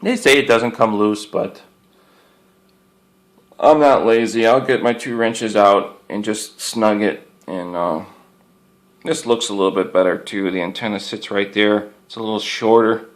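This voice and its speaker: A man with a lowish voice and fairly even intonation speaks a little slowly while casually reviewing a product as a hobbyist. Unscripted and folksy, his show-and-tell rambles and keeps circling back to earlier points.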